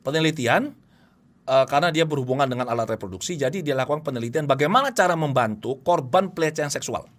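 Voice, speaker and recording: A middle-aged man giving a lecture on hypnotherapy, explaining cases and acting out what clients say. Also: quick pace. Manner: animated, acts out client voices with big pitch jumps. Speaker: hypnotherapy instructor. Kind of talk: lecture presentation.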